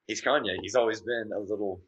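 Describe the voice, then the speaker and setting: Bright-voiced man rambling casually. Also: lowish voice, fast, lo-fi sound. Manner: rambling, filler-heavy, restarts sentences. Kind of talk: casual chat.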